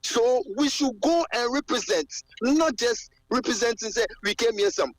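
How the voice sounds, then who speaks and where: A man's voice: extremely high pitch, expressive, normal speed, dry recording, faint music behind. A man from Ghana with a Ghanaian accent, calling a radio show over a car speakerphone while driving, talking with passion and repeating his phrases. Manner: impassioned, repeats phrases, builds to fervent exclamations. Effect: car speakerphone call. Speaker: radio caller.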